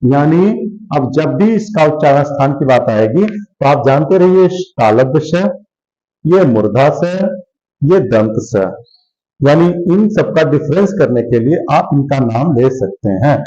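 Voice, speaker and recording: A man's voice: mid-range voice, expressive, dark tone, dull audio. A man teaching a classroom lesson, sounding out letters one at a time and asking questions he answers himself. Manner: slow, repeats sounds one by one and asks then answers.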